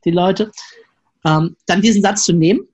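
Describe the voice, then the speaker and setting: Male interview guest, flirting coach, husky tone, animated storyteller. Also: sits high, moderate pace. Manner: lively storyteller, acts out inner voices, frequent "ne?". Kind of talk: conversational interview.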